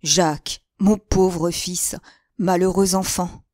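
A woman's voice: lowish voice, steady tone, takes it slowly, darkish tone, dry recording, studio quality. A woman reading the lines of an aging noble father, tender and emotional, in her own plain reading voice.

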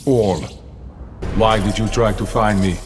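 An actor playing an emotionless male cyborg who speaks in a flat, clipped, smooth machine-like way in video game dialogue. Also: lowish voice, a little slow, music in the background, close to an everyday voice. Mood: cold.

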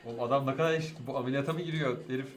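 A man's voice: mid-range voice, fairly even intonation, very fast. A man reacting to videos in casual, slangy chat.

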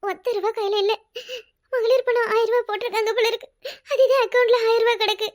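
A woman voicing a fretful, sharp-tongued village wife in a cartoon, with a Tirunelveli Tamil accent. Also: very high-pitched, steady tone, fast talker. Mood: tearful. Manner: grumbling, scolding. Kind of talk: cartoon voice acting.

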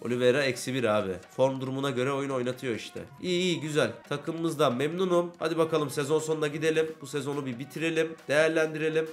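Chatty excitable male gamer. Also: a little high. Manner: chatty, excitable, swings between grumbling and shouting. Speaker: gaming YouTuber. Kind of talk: casual let's-play commentary.

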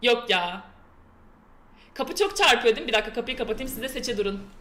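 A woman's voice: a little high, animated, brisk, roomy sound, background noise. A young woman chatting casually with her live-stream chat and reading quiz questions aloud in a playful way. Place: indoor room with a door that keeps slamming.

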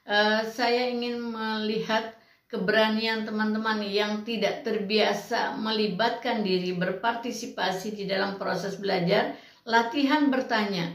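A woman's voice: mid-range voice, steady tone, unhurried. A woman lecturer giving students patient, explanatory advice, with frequent fillers. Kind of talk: educational talk to students. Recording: roomy, distant mic.

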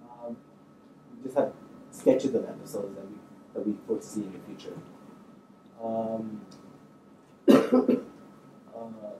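His voice is mid-range and dark. Sitting on an auditorium stage indoors, this screenwriter in his thirties gives casual, hesitant answers at a public talk, musing aloud in everyday language, captured by distant mics in a roomy space with faint noise.

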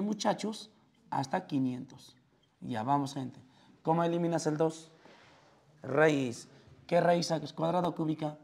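A man's voice: fairly high pitch, a little mellow. A man with a Peruvian accent teaching math to a classroom, constantly quizzing his students and calling them "joven". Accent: Peruvian Spanish.

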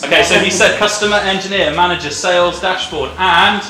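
A man's voice: high voice, quick pace, background noise. Teasing male host in an echoey room. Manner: teasing, jokey. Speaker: host of a hot wings quiz challenge. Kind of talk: casual hosting with banter. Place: office meeting room, indoors. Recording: echoey room, background music. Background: music.

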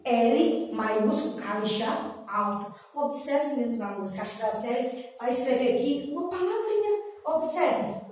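A woman teaching a slow, sing-song lesson to young children, drawing out syllables and counting aloud. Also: high-pitched, a little mellow. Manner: drawn-out syllables, counting and asking questions. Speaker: preschool teacher. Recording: echoey room from far off.

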